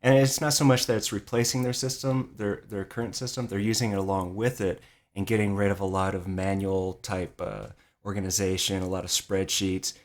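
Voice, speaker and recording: A man's voice: sits low, flat delivery, a little fast, few pauses. A man co-hosting a podcast, talking casually with hesitant fillers. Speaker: podcast co-host. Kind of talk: casual chat and interview.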